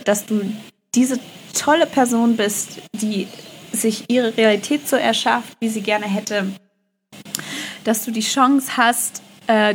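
A woman speaking directly to the listener in a motivational self-love monologue, gentle and affirming, often repeating her phrases and dropping in a soft "ja". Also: a little high, a little hiss or hum. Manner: gentle, affirming, repetitive phrasing with many "ja" fillers.

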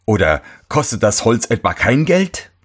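A man's voice: on the low side, sing-song, a little slow, slightly rough, heavily acted. A man reading a fairy tale and voicing a fussy, irritable old master shoemaker who scolds everyone around him. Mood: scolding, indignant. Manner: scolding, shouting complaints.

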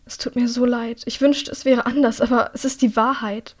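A woman reading an audiobook, voicing a grieving young woman who speaks softly and tearfully. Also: fairly high pitch, steady tone, moderate pace, lightly acted. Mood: remorseful. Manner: soft, tearful, often whispered. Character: grieving young woman, exiled and guilt-ridden.

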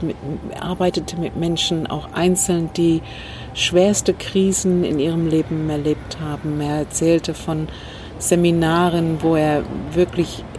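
A low-voiced woman from Northern Ireland, working as a communication trainer, tells reflective stories of her past as an interview guest, pausing and using fillers. It's recorded outdoors on a city rooftop terrace, where faint traffic and a passing train are audible.

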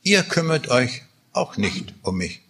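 A preacher reading a weary, forsaken old God. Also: male voice, medium pitch, very animated, a little slow, bright, forceful tone, breathy edge, full character voice. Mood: resigned.

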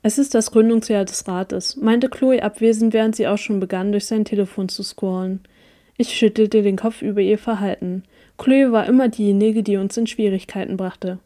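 Mellow-voiced woman reading a story. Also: mid-range voice, normal speed. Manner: even, storytelling read. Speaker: audiobook reader. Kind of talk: first-person story narration.

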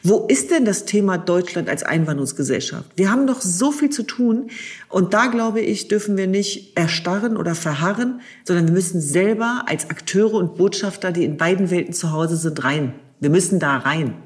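Husky discussion partner, emphatic and urgent, repeats lines for stress. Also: medium pitch, expressive, moderate pace. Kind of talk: impassioned conversation.

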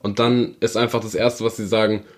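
Husky man, blunt and heated. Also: fairly low pitch, flat delivery, a little fast. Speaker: podcast co-host. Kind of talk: casual chat.

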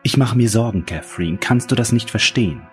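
A man's voice: on the low side, brisk, soft background music, lightly acted. A man voicing a stern, insistent senator who worries about his grown daughter, in an audiobook. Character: older male senator, stern worried father.

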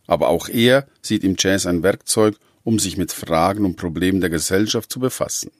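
Man, radio feature narrator, scripted, measured, low voice, dry close sound. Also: no room sound. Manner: measured, even reading.

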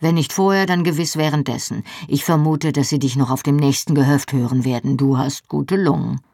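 A reader doing a stern, mocking Scottish husband. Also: male voice, a little high, a little fast, gravelly, darkish tone, no room sound, studio quality. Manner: blunt and mocking.

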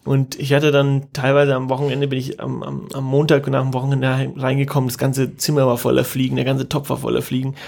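Young guy cohosting a podcast, chatty and eager, a bit gravelly. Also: medium pitch, completely flat delivery, darkish tone. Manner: chatty, eager, quick asides. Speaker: podcast co-host. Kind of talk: casual chat.

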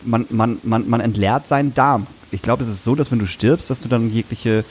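A man's voice: medium pitch, normal speed, a little hiss or hum. A man co-hosting a podcast who chats casually with blunt, crude humor. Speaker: podcast co-host. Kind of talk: casual chat.

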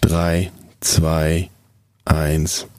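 A man narrating a scripted guided relaxation exercise in a soft, calm, soothing voice with measured, drawn-out instructions. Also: extremely low pitch, dry recording.

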